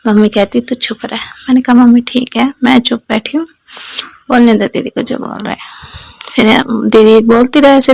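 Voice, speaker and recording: A woman's voice: a little high, vocal fry, no room sound, rough recording. A middle-aged woman telling a devotional personal story to a congregation, rambling and often addressing the listeners respectfully. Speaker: devotee sharing testimony.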